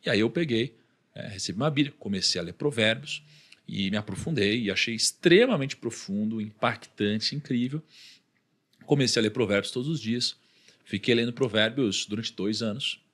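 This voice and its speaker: A man's voice: lowish voice, normal speed. A man with a Brazilian accent, a podcast guest telling a personal story and acting out what others said. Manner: animated, acts out the voices of others in his story.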